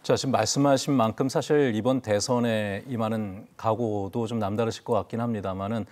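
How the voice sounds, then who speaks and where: A man's voice: fairly low pitch, steady tone, brisk, darkish tone. A man with a Jeju accent hosting a regional current-affairs interview, asking questions in a polite, formal manner. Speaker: host.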